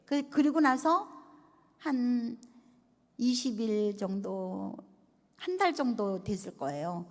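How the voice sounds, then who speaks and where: Pastor's wife, testimony speaker: animated storyteller who acts out quoted dialogue, recorded in a reverberant hall. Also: female voice, a little high, takes it slowly. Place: large hall at a retreat resort.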